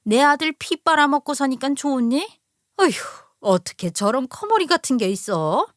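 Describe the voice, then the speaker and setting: Woman voicing harsh older mother-in-law, shrill, scolding, insulting, dry close sound. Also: animated, moderate pace, no echo. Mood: furious.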